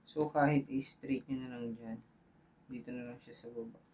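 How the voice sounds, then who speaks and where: Here a tutorial host with a Filipino accent walks viewers through a hands-on task casually, thinking aloud and checking on them along the way. His medium-pitched voice stays fairly even at a normal speed, over lo-fi sound with background noise.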